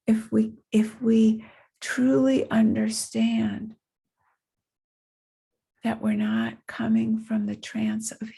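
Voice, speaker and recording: Very slow, soft-spoken woman with a gravelly, breathy voice. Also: mid-range voice. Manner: soft, often breathy and whispered, very slow and deliberate. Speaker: spiritual teacher. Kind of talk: slow reflective spiritual talk.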